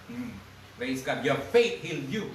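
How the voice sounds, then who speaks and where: A male pastor delivers a sermon, slipping in frequent "Praise God"s and switching between Tagalog and English. His voice sits somewhat high and swings between forceful emphasis and soft asides. The recording is an echoey church livestream, with the mic some distance away and a faint background hiss. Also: big pitch swings, measured pace. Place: church hall.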